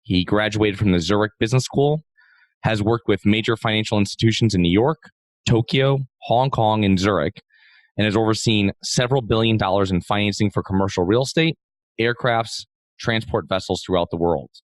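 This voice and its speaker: A man's voice: lowish voice, moderate pace, no room sound, low-quality recording. A man hosting an interview podcast, giving introductions and asking questions. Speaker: podcast host.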